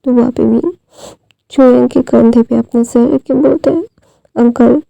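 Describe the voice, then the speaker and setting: Gravelly-voiced young woman casually retelling a story. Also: a little high, steady tone, normal speed, dark tone, no room sound, lo-fi sound. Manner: rambling, many fillers and restarts.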